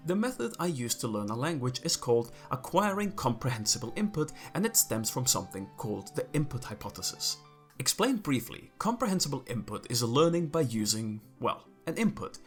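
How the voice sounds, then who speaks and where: Speaking to his viewers in a scripted piece to camera, a young man from Croatia, a native Croatian speaker, offers an opinionated explanation punctuated by dry remarks. He's a video creator, and his voice is medium in pitch with a fairly bright tone.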